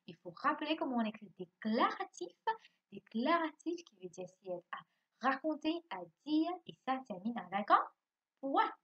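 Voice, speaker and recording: A woman's voice: high voice, very animated, normal speed, pushed and bright. A woman teacher giving a recorded lesson to young children, asking questions and answering them herself and spelling words out letter by letter. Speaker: primary school teacher. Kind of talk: recorded remote class lesson. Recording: dull lo-fi recording.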